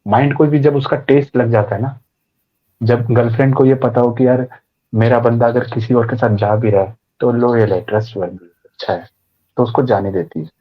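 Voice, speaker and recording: A man's voice: mid-range voice, highs cut off. A man, a podcast guest, explaining meditation in a conversational way, acting out inner voices and using everyday examples.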